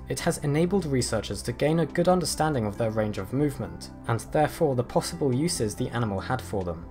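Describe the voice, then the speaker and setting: A man narrating a scripted nature documentary in a measured, explanatory way. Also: mid-range voice, darkish tone. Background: background music.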